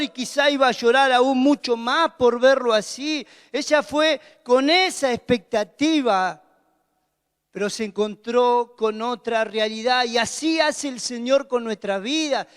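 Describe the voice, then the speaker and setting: A man with a high voice preaches a sermon, his clear. He piles up emphatic exclamations and then drops to hushed tones. His voice rings with a long reverb in a church hall. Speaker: pastor.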